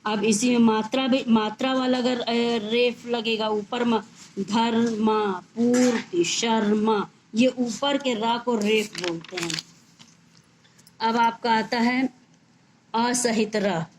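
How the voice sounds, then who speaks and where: A woman teacher walks a class through a grammar lesson at a very unhurried pace. She breaks each word down letter by letter before saying it whole. A faint background noise sits under the recording. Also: a little high, steady tone. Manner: slow, spells out words letter by letter. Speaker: school teacher.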